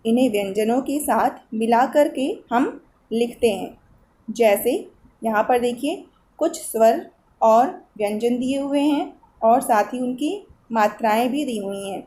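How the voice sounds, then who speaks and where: A woman's voice: a little high, dark tone, slight background noise. A woman teacher explaining a Hindi grammar lesson to children, patiently asking questions as she goes. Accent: Eastern Uttar Pradesh Hindi. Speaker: school teacher.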